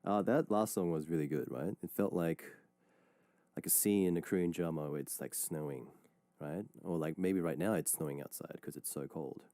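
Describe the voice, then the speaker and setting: An Australian man hosts a radio show from the studio, chatting casually between listener messages in a relaxed, rambling way with many fillers and restarts. His low-pitched voice moves at a moderate pace, caught dry on a studio microphone.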